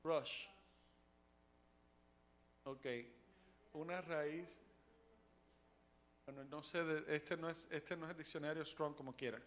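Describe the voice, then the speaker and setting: A man teaching a Bible study class, talking haltingly with many fillers and restarts and asking the class questions. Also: on the high side, fairly even intonation, a bit bright.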